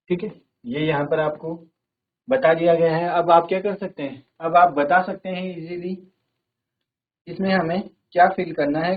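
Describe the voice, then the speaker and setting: A male teacher giving a virtual classroom lesson from a studio, explaining step by step and reading English sentences slowly and clearly. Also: on the high side. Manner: explains step by step, repeating "theek hai" often. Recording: phone-like narrow band.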